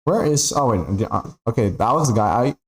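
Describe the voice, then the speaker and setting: Brisk and animated, a young Peruvian gamer with a medium-pitched voice rambles in casual chat while streaming. He leans heavily on fillers like "like" and "right?", and the recording quality is low.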